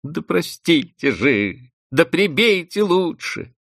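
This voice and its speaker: A man's voice: on the high side, very animated, slow pace, fairly bright tone, no echo, studio quality, voice pushed up, heavily acted. A man voicing a frightened young schoolgirl who begs desperately and tearfully.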